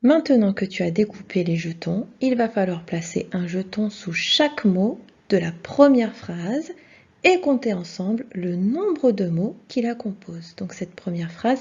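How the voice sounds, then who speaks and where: A woman's voice: medium pitch, animated, a little slow, a little mellow, slightly rough. A woman teaching a children's video lesson, speaking patiently and encouragingly and addressing the child directly. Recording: dull lo-fi sound.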